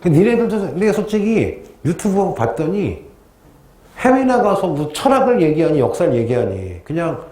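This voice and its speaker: A male teacher lecturing in a relaxed, joking way, slipping off into chatty anecdotes between points. His voice is warm and mellow, with a middling pitch. The room gives it a roomy echo. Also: moderate pace. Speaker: history teacher. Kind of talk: casual classroom lecture.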